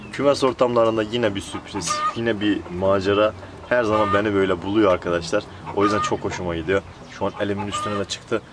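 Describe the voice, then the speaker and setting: A man vlogging from his poultry coop, chatting playfully to the camera and coaxing the bird he holds. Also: fairly low pitch. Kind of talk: casual chat to camera. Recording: clucking birds loud behind. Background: chickens and quails clucking.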